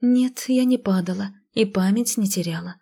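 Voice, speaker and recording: A woman voicing a listless, melancholy fifteen-year-old village girl who speaks flatly and half in a whisper, in a storybook reading. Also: mid-range voice, moderate pace, gravelly, husky. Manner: flat, emotionless, half-whispered.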